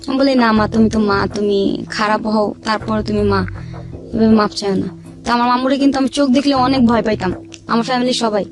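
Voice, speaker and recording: A young woman appears as a guest telling her life story, speaking briskly in a voice on the high side. She repeats phrases as she goes, and there is music in the background.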